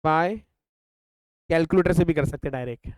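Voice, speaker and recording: A young male math tutor with an Indian accent teaches a lesson in a mix of Hindi and English, posing questions to the class and answering them himself. He talks over calculator steps, counting terms aloud. His voice is fairly high, at normal speed, in a dry recording.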